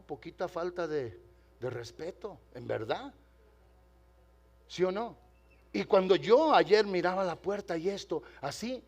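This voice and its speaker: A man pastor preaching a sermon in Spanish, telling a story with dramatic pauses, asking the congregation to respond and slipping in English phrases. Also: sits high, a little mellow. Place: church.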